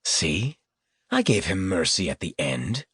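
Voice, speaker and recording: A man's voice: deep voice, very animated, measured pace, pushed and bright, breathy edge, no room sound, studio quality, full character voice. A man reading an audiobook, voicing a brutal, vengeful male rebel who talks in a cold, menacing way. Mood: gloating.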